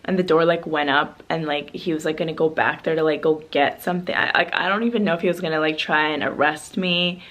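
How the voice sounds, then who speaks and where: A woman's voice: low voice, a little fast, hardly any pauses. A young woman from Canada, telling a story in a casual vlog and saying "like" constantly. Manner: heavy use of "like" filler, animated retelling. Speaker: travel vlogger.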